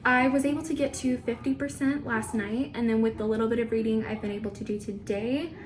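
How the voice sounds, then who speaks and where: A woman's voice: fairly high pitch, steady tone, brisk, slight background noise, low-quality recording. A woman book vlogger giving casual reading updates straight to her viewers. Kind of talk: casual chat to camera.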